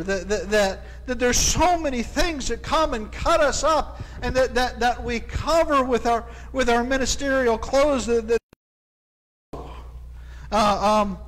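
A man preaching a sermon as pastor, halting and restarting often, repeating his words, into a clip-on mic. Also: extremely high pitch, fairly bright tone, in a large hall, low-quality recording. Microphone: clip-on microphone.

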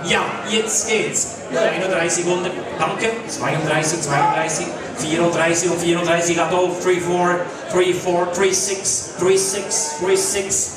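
High-pitched male auctioneer in an echoey hall. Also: level tone, measured pace, hardly any pauses. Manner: insistent, repetitive bid calling. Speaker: auctioneer at a cattle sale. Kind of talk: rapid auctioneer chant of repeated numbers. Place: large indoor auction hall, recorded from audience. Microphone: distant camera picking up PA. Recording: echoey hall PA, far off, crowd noise.

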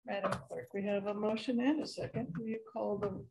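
A woman chairing a public board meeting, hoarse from losing her voice, speaking in brief procedural turns. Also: mid-range voice, fairly even intonation, brisk, warm tone, a little hiss or hum, rough recording.

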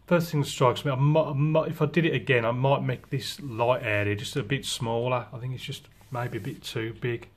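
A man's voice: mid-range voice, fairly even intonation, brisk, hardly any pauses. A man, giving a casual watercolour lesson at his easel and thinking aloud with many restarts. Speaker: watercolour painting instructor. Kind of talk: casual painting demonstration. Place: indoor studio at an easel. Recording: echoey room with clear background noise.

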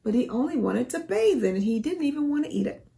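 A woman in her forties reading a storybook aloud to young children as a teacher, expressive and careful. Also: high voice, fast talker, creaky. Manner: expressive, careful, asks the listener questions.

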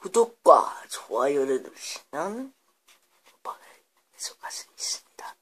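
A woman's voice: low-pitched, very animated, very fast, breathy edge. Woman mumbling with noodles at her lips. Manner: chatty, muttering and whispering between bites. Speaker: mukbang vlogger. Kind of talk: casual mukbang chat to viewers.

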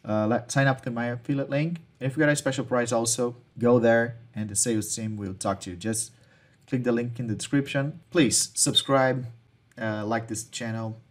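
In this screen-share walkthrough, a marketing tutorial host from Brazil, a native Portuguese speaker, shows off software features. His mid-range voice keeps a fairly even intonation at a moderate pace. The delivery is relaxed, with repeated words, restarted phrases and non-native phrasing.

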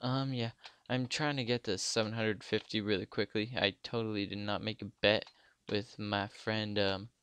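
A man's voice: fairly low pitch, level tone, normal speed, fairly bright tone, clear, resonant tone. Rambling young man commenting on a game. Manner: rambling, joking, lots of fillers. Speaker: gaming YouTuber. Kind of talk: casual gameplay commentary.

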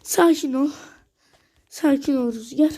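Slow-talking, high-voiced woman gamer. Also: dark tone. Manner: exasperated, repeats words over and over. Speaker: gaming vlogger. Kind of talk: casual gaming commentary.

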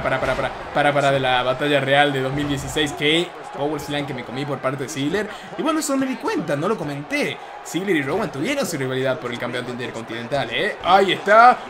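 A young Argentine man excitedly commentating his own wrestling video game play, exclaiming and swearing casually. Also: on the high side, background noise. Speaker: gaming YouTuber. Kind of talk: gameplay commentary.

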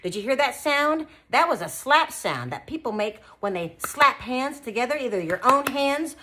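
A woman teaching children beatboxing in an animated, encouraging way, full of praise. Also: high-pitched, normal speed, slight background noise. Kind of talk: children's tutorial.

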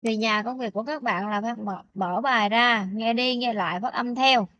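A woman teacher explaining pronunciation rules in a language lesson, often checking in with her students with quick questions. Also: fairly high pitch, a bit bright, dull audio, slight background noise.

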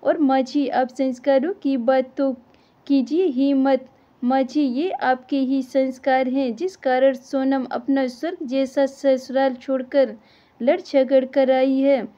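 Woman voicing a firm daughter-in-law, reasoning, high voice, dull recording. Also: level tone, takes it slowly, dark tone. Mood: reproachful.

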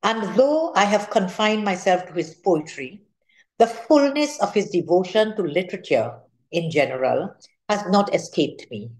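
An older woman with a Trinidadian accent, an author, sits at a table in a room at home and reads a prepared literary speech aloud in a formal, careful way. Her mid-range voice is expressive and a little mellow at a moderate pace, though the audio quality is poor.

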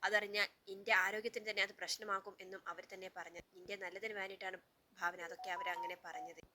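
A woman's voice: medium pitch, level tone, quick pace, pushed and bright. A woman voicing an anxious young husband who earnestly explains a hidden truth.

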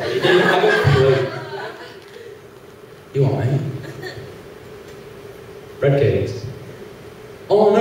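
A young man doing an animated stand-up routine on a small theatre stage, acting out the people he quotes. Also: medium pitch, background noise. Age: young adult. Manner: animated, acts out quoted characters. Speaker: stand-up comedian. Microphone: handheld mic, far camera. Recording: echoey hall, from far off.

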